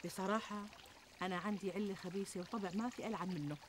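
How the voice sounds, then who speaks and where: In a conversational TV comedy sketch, an actress plays a plump, fretful, self-deprecating middle-aged Syrian housewife and mother who complains expressively and plaintively. Her mid-range, steady voice is fast and close to everyday speech. It's recorded outdoors in a garden, with ambient sound and trickling water.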